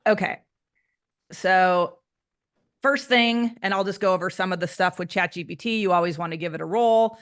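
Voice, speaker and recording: A woman's voice: on the low side, normal speed, clean tone. A woman marketing coach talking casually through a screen share, explaining with lots of "um"s. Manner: relaxed, filler-heavy explaining.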